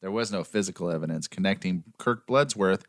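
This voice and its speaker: An American man with a low, fairly quick voice hosts a true-crime podcast. Between bouts of banter, he reads scripted narration with dry sarcasm.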